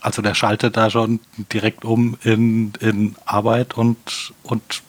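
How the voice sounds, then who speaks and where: A man with a low, husky voice recaps an episode in casual talk, repeating words as he restarts. The sound is dry and close, with no room echo. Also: completely flat delivery, takes it slowly.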